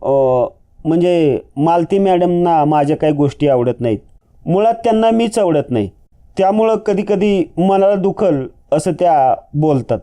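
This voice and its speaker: A man voicing a gentle young daughter-in-law who speaks hesitantly and softly. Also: sits high, moderate pace, lightly acted. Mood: worried, hesitant. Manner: hesitant, soft-spoken.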